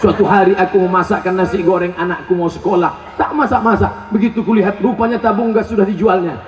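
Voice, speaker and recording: A man's voice: sits high, steady tone, fast talker, reverberant, slight background noise, lightly acted. A male preacher voicing a blunt middle-aged widow who complains matter-of-factly about her late husband.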